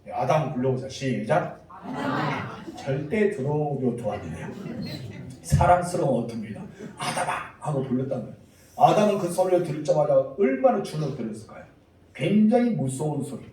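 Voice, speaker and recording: A male pastor preaching a Sunday sermon, leading the congregation in reading aloud and breaking into sudden loud calls. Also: fairly high pitch, animated, moderate pace. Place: church sanctuary. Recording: echoey church hall, mic at a distance.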